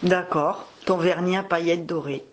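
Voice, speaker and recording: A woman's voice: fairly low pitch, fairly even intonation, normal speed, a little hiss or hum. A mother talking casually over the phone with her young child, in a playful, encouraging way. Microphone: telephone call.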